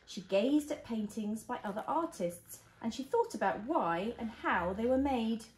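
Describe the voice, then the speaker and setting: Mum reading to a toddler, roomy echo. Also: female voice, a little high, unhurried. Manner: reading to a toddler: expressive, simple explanations, prompting questions. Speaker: mother reading a picture book to a child. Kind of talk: reading a storybook aloud to a young child. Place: indoors, small living room at home. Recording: roomy echo of a home room.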